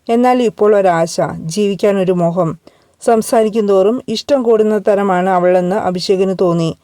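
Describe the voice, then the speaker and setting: Woman reading a love story out loud, warm dark voice, steady pace, dry close mic. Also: mid-range voice, no echo. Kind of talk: scripted narration.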